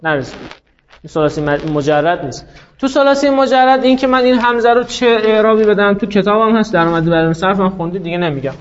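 A man teaching a class, explaining step by step and asking rhetorical questions that he answers himself. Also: high-pitched. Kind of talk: classroom lecture. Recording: dull lo-fi recording.

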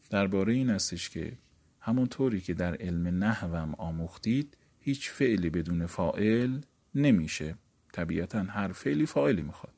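A man teaching a lesson, explaining grammar step by step and reciting verb forms aloud in a steady drill. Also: on the low side. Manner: explains step by step, gives book page references. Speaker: teacher of Arabic morphology. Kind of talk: recorded seminary lesson.

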